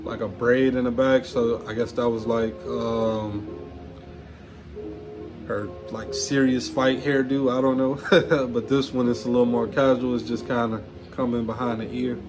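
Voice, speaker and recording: A man chatting casually through a toy unboxing, easygoing and slangy. His delivery stays flat and even. Clear music plays in the background throughout. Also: medium pitch, measured pace. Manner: laid-back, slangy, says "man" often. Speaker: toy review vlogger.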